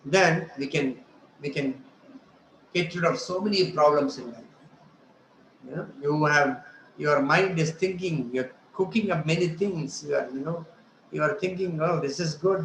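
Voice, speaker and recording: A man gives an informal spiritual lesson, often asking "right?" and slipping into the voices he quotes. His voice sits a little high for a man. The recording has a roomy echo and a faint noise underneath. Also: unhurried, a bit bright. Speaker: spiritual teacher. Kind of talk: conversational religious lecture.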